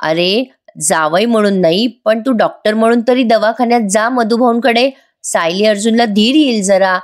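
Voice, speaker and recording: A woman's voice: fairly high pitch, moderate pace, close to an everyday voice. A stern middle-aged father lecturing his grown son, read by a woman narrator. His lines come as reproachful scolding.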